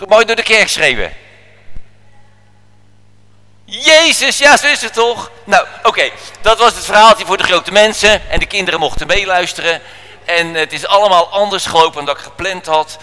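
A preacher telling a children's story in a church service, animated, swinging from whispers to shouts. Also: male voice, high voice, moderate pace. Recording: echoey church hall.

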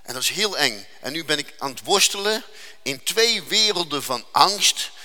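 A man's voice: on the high side, sing-song, pushed and bright. Earnest man telling his testimony in a reverberant hall. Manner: earnest, dramatic storytelling with slowed emphasis. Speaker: speaker giving a faith testimony. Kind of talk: personal testimony.

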